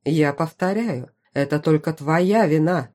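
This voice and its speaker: A woman's voice: low voice, unhurried, a little mellow. A woman voicing a stern, commanding middle-aged duke and father in an audiobook. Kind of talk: audiobook character reading.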